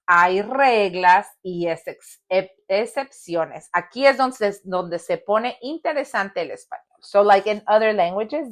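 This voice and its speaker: Lady basics, talks slow and patient, voice bounces around a lot. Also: a little high, a bit bright. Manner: slow, patient, repeats words and asks questions. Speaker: Spanish teacher. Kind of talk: bilingual language lesson.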